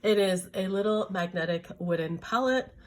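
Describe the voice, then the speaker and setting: Speaking at a normal speed in a mid-range voice, with slight background noise, a middle-aged art vlogger from Canada talks eagerly about her art supplies despite a sore throat. The video is casual, and she's chatty and often corrects herself.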